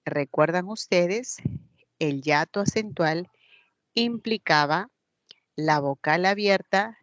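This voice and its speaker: A woman teacher with a Peruvian Spanish accent walks her online class through each point slowly and patiently, often checking that they follow. Her voice sits on the low side. The sound is dry and close, though dull and lo-fi. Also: fairly bright tone, no echo. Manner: patient, explains step by step, checks with "¿ya?". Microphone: computer mic in a video class.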